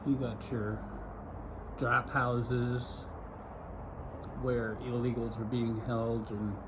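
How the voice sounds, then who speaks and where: A man from Arizona delivers a slow, emphatic outdoor vlog and hammers his points through repetition. The recording is dull and lo-fi, with loud traffic and outdoor noise behind him. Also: medium pitch, flat delivery. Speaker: vlogger.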